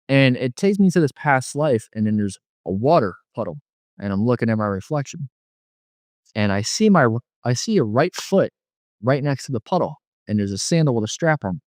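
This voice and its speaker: A man's voice: on the low side, no echo, clean studio sound. A young man casually recounting a personal testimony, rambling with lots of filler words. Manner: rambling, filler-heavy storytelling full of "like". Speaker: guest telling a near-death testimony.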